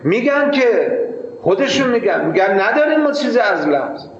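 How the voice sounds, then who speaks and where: A man's voice: high-pitched, sing-song, echoey room, muffled recording, a crowd in the background. A man teaching students in an informal lecture, arguing his point and firing rhetorical questions at the listeners. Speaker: seminary teacher.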